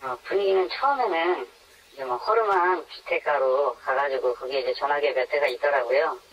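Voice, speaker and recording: A man's voice: on the high side, fairly quick, fairly bright tone. A man in his twenties with an electronically disguised voice, recounting his experience as an anonymous interviewee on a phone call. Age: 20s. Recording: dull, narrow phone line on radio.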